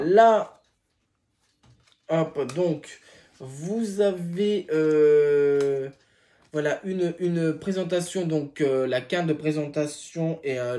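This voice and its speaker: A man's voice: fairly high pitch, warm tone. A man hosting his tarot channel, chatting casually as he unboxes a deck, hesitant with many filler sounds and apologetic asides.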